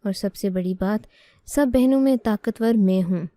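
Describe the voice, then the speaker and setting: A woman's voice: mid-range voice, unhurried, mellow, dry recording, close to an everyday voice. A woman voicing an arrogant, bullying young sister-in-law in a storybook reading, speaking in a domineering, threatening way.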